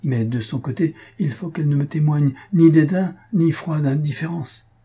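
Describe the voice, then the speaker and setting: A man reading an impassioned young nobleman, husky. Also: a little high, moderate pace, warm tone, pitched above the performer's own voice. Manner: pleading, vehement.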